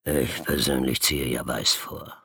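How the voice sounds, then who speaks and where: A man's voice: extremely low pitch, steady tone, a little slow, pushed and bright, slightly rough, no room sound, studio quality, exaggerated voice. A man voicing a curious, thoughtful male snowman in a storybook fable. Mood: musing.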